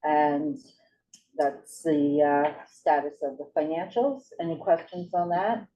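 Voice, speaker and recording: A woman's voice: sits low, slow pace, warm tone. A woman presenting financial results at a board meeting, reading figures steadily with some ums. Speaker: finance officer presenting report. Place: meeting room. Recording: distant muffled mic with faint hiss.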